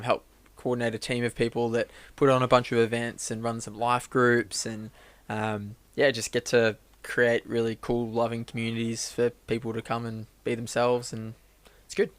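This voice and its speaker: A young man with a mid-range voice, recorded with no room sound, chats casually as a church staff member and podcast co-host. Relaxed, he tells a long, rambling joke packed with fillers and restarts.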